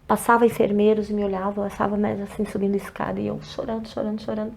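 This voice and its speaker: A woman with a Brazilian Portuguese accent, an interview guest telling an emotional personal story and acting out other people's words, often softly. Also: mid-range voice, little pitch movement, very fast, creaky, slight background noise. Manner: acts out quoted dialogue, often softly.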